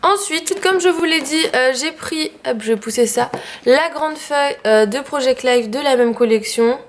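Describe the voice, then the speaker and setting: A high-voiced craft vlogger with a French accent walks through her recent craft purchases at a moderate pace in a relaxed haul video. She's chatty and filler-heavy, and a little hiss or hum can be heard.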